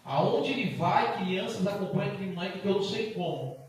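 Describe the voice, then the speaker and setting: A middle-aged Brazilian deacon preaching an impassioned Pentecostal sermon, pleading and breaking into loud bursts. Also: male voice, high voice, animated, brisk. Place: church sanctuary. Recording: very echoey church hall, distant mic.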